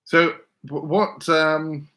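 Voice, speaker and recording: Very slowly, in a slightly high, flat voice with a bright, forceful tone, a man running a live physics Q&A works through viewers' exam questions. He rambles, stammers into frequent restarts, and reads chat messages out loud.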